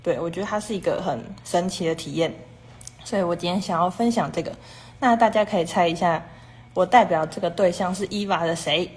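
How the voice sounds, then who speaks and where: Woman, livestream host, casual chat, rambling and repetitive, a little low-pitched. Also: brisk. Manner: rambling and repetitive, strings clauses with "and then"; chats with viewers reading their comments.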